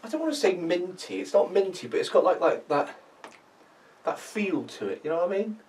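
A man's voice: sits high, big pitch swings, a little fast, a little mellow, slight background noise. A British man in his twenties chatting casually and bantering as co-host of a review video. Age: 20s. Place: small indoor room. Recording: slightly distant microphone.

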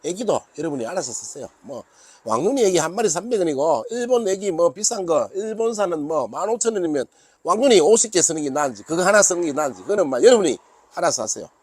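Casting older Gyeongsang man in his sixties, lively, sing-song delivery, fairly high voice, jokey self-promoting rod maker who talks about himself in the third person. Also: quick pace, slightly rough, no room sound. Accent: Gyeongsang Korean. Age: 60s. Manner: jokey, calls himself by nickname, bantering with himself. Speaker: fishing rod maker and seller. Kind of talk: casual product talk to camera.

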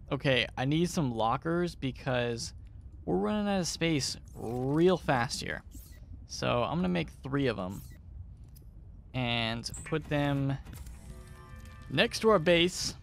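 A gamer gives let's play commentary, chatting and thinking aloud as he plays and often sounding unsure of himself. His voice is mid-range, with a little hiss or hum in the recording.

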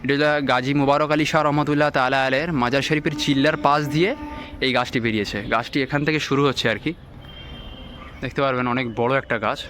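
A man giving a walking-tour vlog narration, speaking in a deliberately hushed, reverent way. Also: medium pitch, fairly even intonation. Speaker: vlog host and guide. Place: outdoors in a cemetery. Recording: clearly noisy on-location ambient sound.

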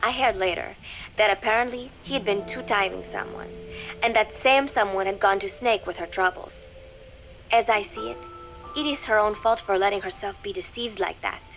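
A woman gives voice to a reserved teenage girl narrating her video-game diary in a measured, formal tone. Her voice sits at a middle pitch and often sinks to a soft near-whisper. Faint music plays behind her. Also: lightly acted, poor audio. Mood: reflective.

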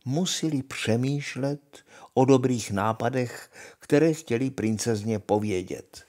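Grandfather narrator, older man, steady storybook reading. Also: mid-range voice.

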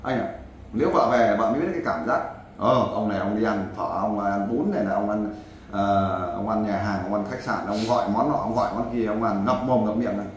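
A lowish, fairly quick male voice belongs to a volunteer advisor helping a man find his wife. He cuts in often, lecturing and blunt. Echo fills the room, along with faint background noise.

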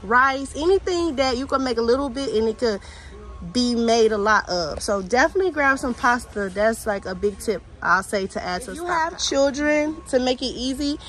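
A young American woman vlogs casually inside a large warehouse store, talking straight to her viewers as if on a shopping trip. Her voice is a little high and a bit bright, expressive, at a normal speed. Faint store ambience sits in the background.

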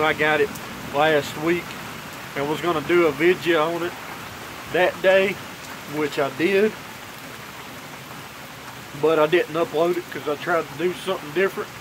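On a covered porch during a heavy downpour, a young man reviews dip tobacco for his vlog, filming on a phone set on a kickstand. His voice runs on the high side as he chats and rambles in a relaxed drawl, swearing a lot, with rain making the background noisy.

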